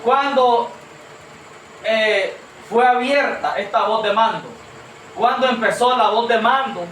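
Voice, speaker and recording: A man's voice: very high-pitched, slow pace, a bit bright, a little hiss or hum. A man preaching a sermon to a congregation, earnest and questioning, calling them brother. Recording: echoey room from far off.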